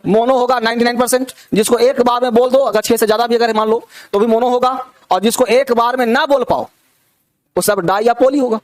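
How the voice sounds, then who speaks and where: A man teaching an English grammar lesson to students. He drills examples slowly and keeps checking whether everyone has understood. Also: very high voice, fairly even intonation. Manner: repeats questions to check understanding.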